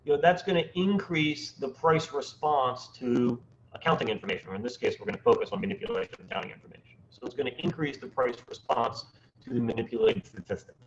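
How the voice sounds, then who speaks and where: A man presenting an academic research seminar, speaking haltingly with many fillers, heard through low sample rate, robotic-sounding online audio. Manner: halting, filler-heavy delivery with lively intonation. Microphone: computer mic on a video call. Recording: dull lo-fi video call audio with faint noise.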